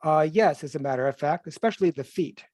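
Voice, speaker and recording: A small, brisk young woman from a film studio, asking quick businesslike questions, as a man reading a novel voices her. Slightly raised pitch, dry and close. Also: a little mellow, no room sound, lightly acted.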